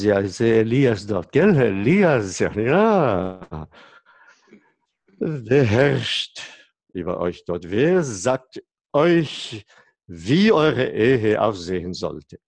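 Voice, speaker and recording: In a conversational sermon to his congregation, a male preacher talks in a lowish, creaky, darkish voice, recorded dry and close with no echo. He goes slowly and haltingly, searching for German words, cutting himself off, and posing rhetorical questions to his listeners.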